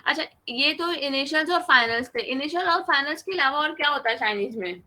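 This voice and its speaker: A woman's voice: high voice, animated, fairly quick, sharp tone. A woman teaching an online Chinese class, patiently drawing out each sound as she demonstrates it. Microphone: video call.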